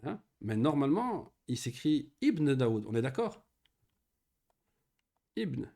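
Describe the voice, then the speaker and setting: A man giving a one-on-one Arabic grammar lesson, patient and explaining step by step, saying Arabic words slowly and often checking that his student follows. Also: mid-range voice, very animated, vocal fry, warm tone. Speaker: Arabic teacher.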